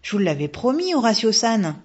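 A woman voicing an eager, polite little girl who speaks high and bright. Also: sing-song, normal speed, slightly rough. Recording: dull lo-fi recording.

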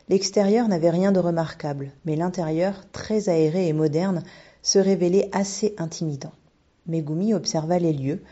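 A woman calmly narrating a storybook in a measured reading, with a dull lo-fi sound. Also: fairly low pitch, breathy edge. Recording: dull lo-fi recording.

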